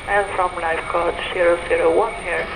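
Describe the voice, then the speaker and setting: A man's voice: sits high, level tone, a little fast, vocal fry, noisy background. A man on a rescue helicopter crew, heard over a marine VHF radio, making polite, formal requests in radio procedure talk.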